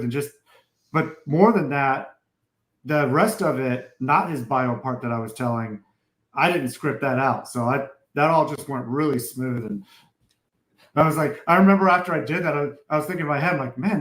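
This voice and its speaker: A man's voice: on the high side, normal speed, fairly bright tone. A male podcast host in casual chat, rambling and often correcting himself. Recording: roomy echo.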